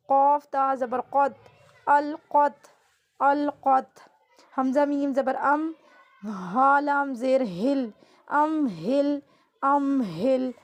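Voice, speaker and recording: Brief: female Quran teacher with a Pakistani Urdu accent, high and level voice, drawn-out spelling drills. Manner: slow drawn-out syllables, brisk asides.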